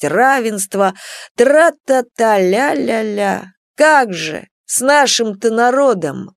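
A woman reading an audiobook with measured, dramatic storytelling. Her voice sits at a middle pitch, recorded close and dry with no room sound. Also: darkish tone, dry recording. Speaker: audiobook narrator. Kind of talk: scripted audiobook narration.

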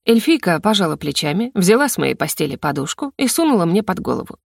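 A woman's voice: on the low side, very animated, fast, gravelly, husky, no echo, studio quality. A woman narrating a first-person fantasy audiobook with a wry storytelling manner.

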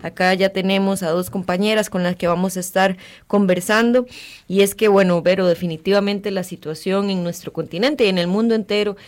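A woman hosting a community radio talk show, speaking calmly and thoughtfully with frequent fillers. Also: mid-range voice, fairly quick. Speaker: radio host.

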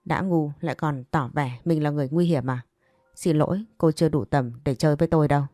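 A woman voicing a composed young wife with a sharp tongue who cuts her rival down, in a narrated story. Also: sits low, brisk, no echo, clean studio sound, faint music behind, lightly acted. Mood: scornful. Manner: cool and cutting.

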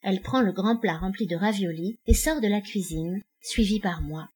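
A woman narrates a novel in the first person at a mid pitch. Her reading is calm and even, with simple pacing. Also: moderate pace. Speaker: audiobook reader.

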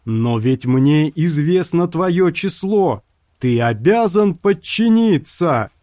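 Man doing a sinister warlock, shouted drawn-out commands, loud and higher than his usual voice, dry recording. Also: lively intonation, no room sound. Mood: raging. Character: sinister male warlock summoning a worm.

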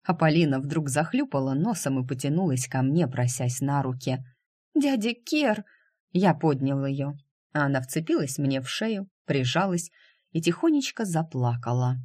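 A man reading a first-person novel aloud as an audiobook narrator, in a calm, even way. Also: medium pitch, moderate pace, dry recording, clean studio sound.

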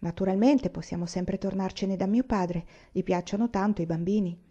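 A woman reading the part of a quiet, practical wife in a novel, speaking softly and with restraint. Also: medium pitch, moderate pace, breathy edge, dull audio, natural voice.

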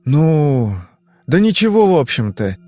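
A man's voice: fairly high pitch, very animated, unhurried, mellow, dry recording, voice pushed up. A man voicing a nervous, fussy middle-aged businessman worried about his daughter. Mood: flustered.

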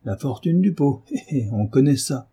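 Compère bruyant, lu par un homme, ton gaillard, voix rauque. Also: male voice, mid-range voice, expressive, normal speed, mellow, husky, pitched above the performer's own voice. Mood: jovial. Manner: chuckling, boisterous. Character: jovial coarse male bailiff crony.

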